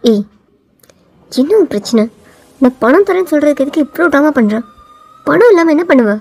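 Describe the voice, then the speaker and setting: A woman's voice: high-pitched, big pitch swings, normal speed, darkish tone, soft background music. A woman voicing a cold, arrogant young male CEO who talks in a taunting, domineering way. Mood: irritated. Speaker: voiceover artist.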